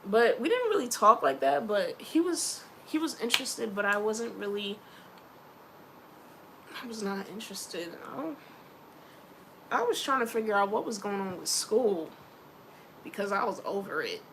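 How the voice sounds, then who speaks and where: A young woman vlogger casually telling stories to camera, animated and acting out the people she quotes. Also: mid-range voice, a little slow, long pauses, noisy background. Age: young adult. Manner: animated, quoting others in lively voices. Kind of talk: casual storytelling vlog.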